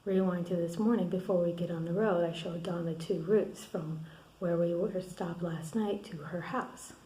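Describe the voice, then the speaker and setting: A woman recording a candid video diary alone in her room at night, venting and swearing about a hard day, often dropping to a hushed, half-whispered voice. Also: fairly low pitch, fairly even intonation, moderate pace, roomy sound, rough recording. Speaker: vlogger.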